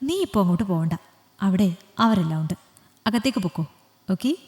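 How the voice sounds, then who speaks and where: A woman playing Niranjan, a gentle young man. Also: medium pitch, animated, fairly quick, echoey room, in a large hall, natural voice. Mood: tender.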